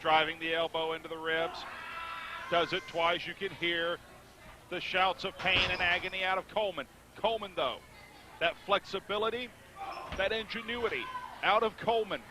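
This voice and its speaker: A high-voiced man calls live professional wrestling as the play-by-play announcer. His delivery is measured and articulate, with formal phrasing. The recording is a live event one, with clear noise around the voice. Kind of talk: live sports commentary.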